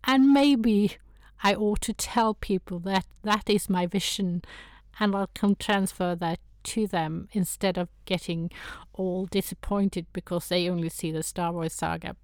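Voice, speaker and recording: This toy photographer from Sweden is a guest in a relaxed interview, talking in a Swedish accent, restarting hesitantly and laughing often. She speaks at a measured pace in a medium-pitched, a little mellow voice with fairly even intonation and no echo.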